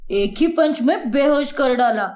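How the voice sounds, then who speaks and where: A woman's voice: sits high, animated, unhurried, a little mellow. A woman voicing a timid young husband in a cartoon, who talks in a whiny, complaining way.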